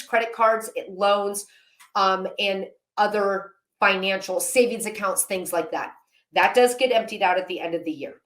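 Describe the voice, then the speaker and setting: A woman's voice: medium pitch, fairly bright tone. A woman hosting a home-organizing channel, explaining her filing system in a chatty, practical way with a little self-mockery. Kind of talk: casual instructional talk to camera. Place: home office. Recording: roomy echo.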